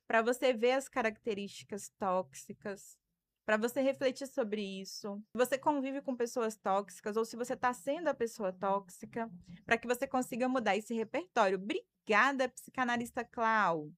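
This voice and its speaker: A woman's voice: fairly high pitch, normal speed, a bit bright, dry recording. A woman in her thirties from Brazil, a psychologist hosting a live stream, giving advice and thanking viewers by name. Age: 30s. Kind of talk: live stream talk answering viewer comments.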